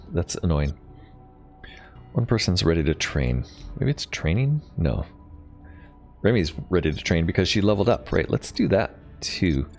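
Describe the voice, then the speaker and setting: A man's voice: low-pitched, darkish tone. A man casually thinking aloud while playing a strategy game, with lots of ums and hesitations. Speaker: gaming channel host. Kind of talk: casual let's play commentary.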